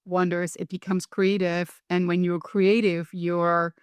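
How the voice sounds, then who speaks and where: A middle-aged European woman with a European accent appears as an interview guest and coach, speaking upbeat, emphatic, and motivational in a conversational interview. Her voice is lowish and level at a measured pace, recorded cleanly with no room sound.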